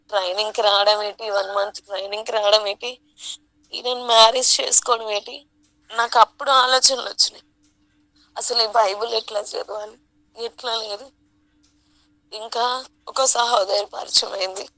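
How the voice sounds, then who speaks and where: A woman's voice: a little high, pushed and bright, no echo, rough recording. A woman with a Telangana Telugu accent giving an earnest, emotional personal testimony at a church prayer meeting.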